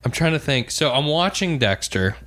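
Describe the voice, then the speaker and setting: Young man telling a story relaxed. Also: fairly high pitch, normal speed. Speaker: podcast co-host. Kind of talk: casual chat.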